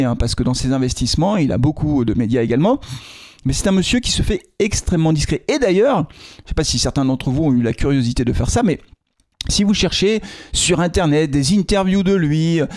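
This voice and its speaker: A man's voice: fairly high pitch, darkish tone, no echo, studio quality. A man giving a casual explanatory video commentary, chatty and joking, addressing his viewers directly. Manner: frequent fillers and restarts. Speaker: football club video commentator.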